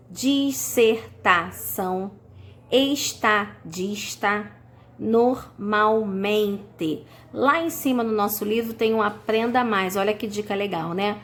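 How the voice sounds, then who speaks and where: A woman's voice: medium pitch, slight background noise. A woman with a Brazilian Portuguese accent giving a recorded grammar lesson as a teacher, stretching out example words syllable by syllable and checking in often with "tá?". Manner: slow, drawn-out syllables when reading example words; checks in with frequent "tá?".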